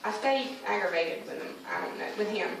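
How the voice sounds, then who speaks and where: Her voice medium-pitched with lively intonation and vocal fry, a woman talks fast as she tells her testimony as a church member, acting out her conversations with God in a chatty way. She was recorded from afar, so the sound is roomy and heavily echoed, over a faint background hiss.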